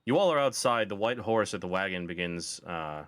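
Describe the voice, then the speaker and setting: Low-voiced man hosting a casual game, dry close sound, loose and teasing. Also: brisk, smooth, no echo. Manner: joking, relaxed, stumbles over words. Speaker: game master.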